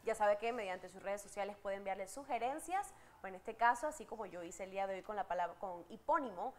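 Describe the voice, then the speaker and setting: A woman's voice: medium pitch, lively intonation, quick pace, slight background noise. A woman co-presenting a TV news show, chatting in a friendly way and chiming in with agreement. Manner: friendly, affirming interjections. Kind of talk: casual studio chat.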